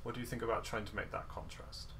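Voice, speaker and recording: A man's voice: fairly low pitch, flat delivery, fast, vocal fry, sharp tone, a little hiss or hum. A man teaching an online guitar masterclass over a video call, playful and detail-focused, often singing rhythms with nonsense syllables. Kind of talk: online music lesson coaching.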